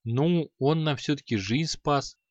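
A man's voice: a little high, unhurried, a little mellow, no room sound, voice pushed up, lightly acted. A good-natured young apprentice speaks mildly and agreeably , as a man reading an audiobook plays him. The sound is dry and a bit dull. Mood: easygoing. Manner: mild, agreeable.

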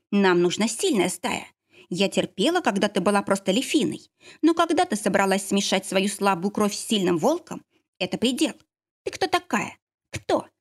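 Woman doing a sneering werewolf sister. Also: mid-range voice. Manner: sneering, hissing contempt. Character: cruel scornful young she-wolf werewolf sister.

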